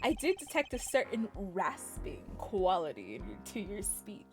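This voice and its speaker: A woman doing a suave, low-voiced male lawyer. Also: sing-song, normal speed, soft background music. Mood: smooth. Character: suave calm older male defense attorney.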